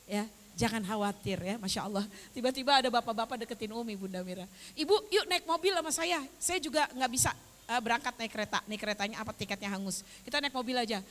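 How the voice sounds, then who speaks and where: A woman's voice: a little high, quick pace. Older woman preacher in a reverberant hall. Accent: Indonesian. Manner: animated, acts out the voices of her story. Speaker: religious teacher. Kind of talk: storytelling religious lecture. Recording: hall reverb with faint hiss.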